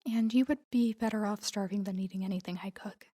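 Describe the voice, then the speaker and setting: Playing a confident, well-off girlfriend in an intimate audio drama, a woman uses a natural, mellow voice at a middling pitch and a slightly quick pace. She's smooth-talking and playfully teasing, yet her mood comes across as warm and reassuring, like a young woman accustomed to getting her way.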